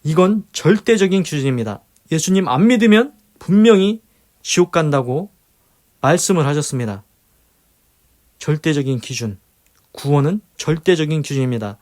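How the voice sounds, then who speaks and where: An earnest man with a somewhat high voice delivers a devotional sermon. He switches between explaining a passage and praying aloud, hammering his points home through repetition. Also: lively intonation, normal speed, darkish tone. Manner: earnest, alternates teaching with spoken prayer; emphatic, repeats key phrases. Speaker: preacher leading a daily devotional. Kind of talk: devotional Bible commentary with prayer.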